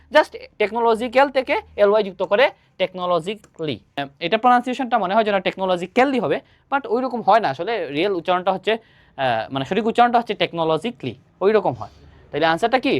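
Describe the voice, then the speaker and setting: An exam-prep grammar teacher, who asks students questions and answers them straight away. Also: medium pitch. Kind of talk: exam-prep lesson explaining grammar rules.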